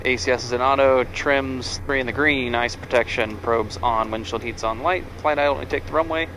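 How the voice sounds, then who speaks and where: A male pilot narrates his checks in a casual, matter-of-fact way. His voice is mid-pitched, recorded in an aircraft cockpit with faint noise behind it. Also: fairly even intonation, a little fast, fairly bright tone, poor audio. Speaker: pilot and presenter.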